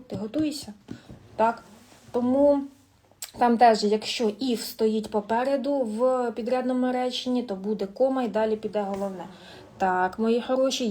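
A woman language teacher giving a chatty live-stream lesson, talking lively to her viewers with affectionate asides and thinking aloud as she goes. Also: on the high side.

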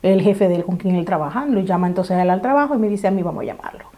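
A woman's voice: medium pitch, rapid-fire. A young woman, telling a dramatic storytime vlog and acting out the quotes. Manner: animated, dramatic retelling with acted-out quotes. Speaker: vlogger. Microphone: camera mic.

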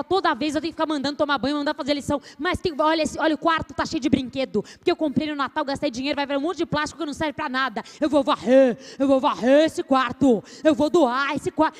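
A woman's voice: sits high, natural voice. A woman playing a frazzled scolding mother. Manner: nagging, exasperated, rising to shouts.

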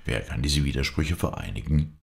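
A man's voice: rumbling low, animated, moderate pace, creaky, full character voice. A man voicing a troubled nobleman who speaks in bewildered exclamations. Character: troubled nobleman, stunned and perplexed.

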